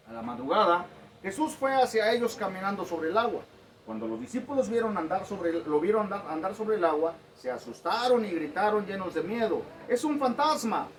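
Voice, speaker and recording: A man preaching at his church, who reads scripture aloud and then explains it in plain, conversational words. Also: sits high. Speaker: pastor. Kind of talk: sermon with Bible reading. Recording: distant mic with faint noise.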